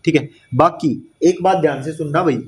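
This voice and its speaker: A man's voice: fairly high pitch, moderate pace, slightly rough. A man teaching an exam-prep maths class, mixing English terms into Hindi with an Indian accent, explaining step by step and often checking that students follow. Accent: Indian English mixed into Hindi. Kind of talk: online exam-prep lecture.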